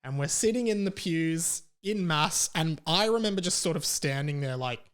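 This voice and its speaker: Pitched fairly high, his voice is animated, a bit bright and clean, moving at an ordinary speed. As a podcast host he spins a personal story with comic flair, repeating things and stressing them dramatically, with casual cursing mixed in.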